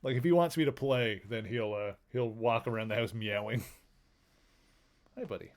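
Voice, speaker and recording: A man's voice: mid-range voice, a little slow. A man streaming a video game, chatting casually in a rambling way and cooing affectionately to his pets. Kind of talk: casual chat while live streaming.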